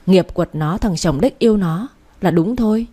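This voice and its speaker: A woman voicing a blunt, fiercely loyal young female friend who talks coarsely and fast. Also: lowish voice, dark tone, husky. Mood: indignant, comforting.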